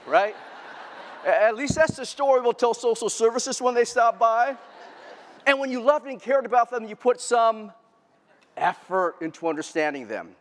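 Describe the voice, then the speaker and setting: A man giving a humorous keynote talk to a live audience, lively and quizzing the crowd. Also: sits high. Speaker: keynote speaker. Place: large lecture hall before an audience. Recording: long reverb of a large hall.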